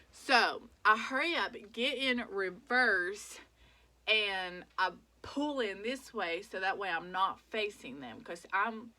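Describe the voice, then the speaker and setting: A woman in her twenties casually retelling a story to her viewers, animated and full of "like"s. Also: mid-range voice. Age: 20s. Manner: animated retelling with many "like"s and acted quotes. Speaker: vlogger.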